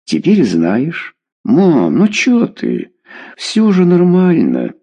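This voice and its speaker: A man's voice: fairly high pitch, huge pitch swings, slow, dark tone, slightly rough, voice pushed up, full character voice. A man reading a story aloud, voicing a carefree, naive teenage girl. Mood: cheeky. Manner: naive, offhand. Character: careless cheeky teenage girl.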